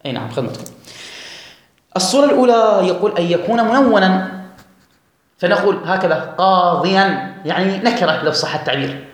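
A man's voice: sits high, lively intonation. Man teaching grammar in a very echoey room. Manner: reads text slowly and stretched, then explains quickly; asks the class questions and urges them to follow. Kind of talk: classroom lesson reading and explaining a grammar text.

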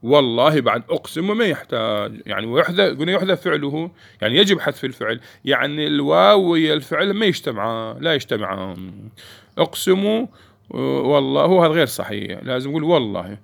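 Gravelly man teaching grammar. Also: a little high, expressive, fast, fairly bright tone. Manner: explains step by step, asks the class questions and answers them himself. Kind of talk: Arabic grammar lesson.

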